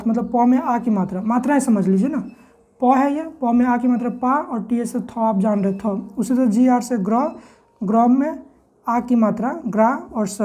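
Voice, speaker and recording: A woman teaching English pronunciation in a classroom-style lesson, spelling words out slowly letter by letter and asking her own questions before answering them. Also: on the high side, dark tone.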